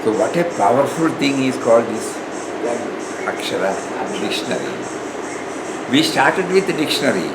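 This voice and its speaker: A man with a South Indian accent giving an informal spiritual lecture in a halting, repetitive way. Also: medium pitch, big pitch swings. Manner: halting, repeats words, tags questions with "no". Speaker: spiritual teacher. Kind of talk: informal spiritual lecture, partly reading aloud. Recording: echoey room with clear background noise.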